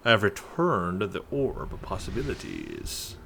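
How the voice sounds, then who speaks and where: A man's voice: deep voice, wildly swooping pitch, a little slow, creaky, noisy background. A man giving casual, jokey commentary while playing a video game and reading text aloud. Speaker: gameplay commentator. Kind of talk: casual let's play commentary.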